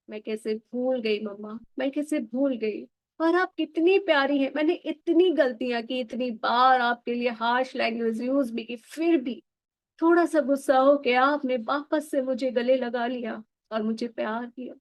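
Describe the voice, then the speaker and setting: A woman leading a guided meditation in a soft, heartfelt, pleading manner. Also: fairly high pitch, dry recording.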